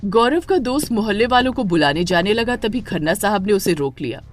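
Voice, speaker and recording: A woman reads the narration of an animated family tale. Her mid-pitched voice moves with lively expression, and soft music plays underneath. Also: brisk. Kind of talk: scripted storybook narration.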